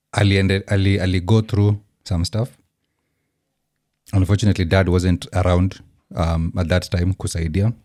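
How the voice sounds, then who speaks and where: Here the Kenyan host has a deep, mellow voice, recorded at studio quality without any room sound. He reacts to a clip casually, switching between English and Swahili slang and often filling gaps with "um."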